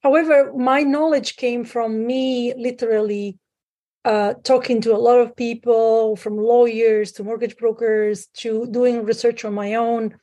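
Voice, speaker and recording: A woman from Sicily, a guest on a call, talking through her past with many pauses and fillers. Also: fairly high pitch, steady tone, dark tone. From Sicily, Italy. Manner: hesitant, many fillers, restarts. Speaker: guest, private lender. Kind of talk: conversational interview. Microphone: remote call.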